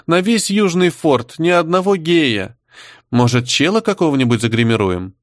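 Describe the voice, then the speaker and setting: A man's voice: fairly high pitch, animated, normal speed, no room sound, studio quality, pitched above the performer's own voice, close to an everyday voice. A man voicing a sulky, snide young woman, the spoiled daughter, in an audiobook reading. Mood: pouty. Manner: pouty and snide.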